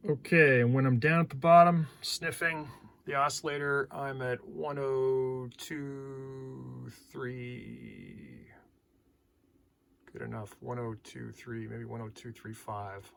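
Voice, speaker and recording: Speaking slowly in a gravelly, mid-range voice, a man demonstrates electronics as a hobbyist, talking through every step methodically while he works. The recording carries steady background noise.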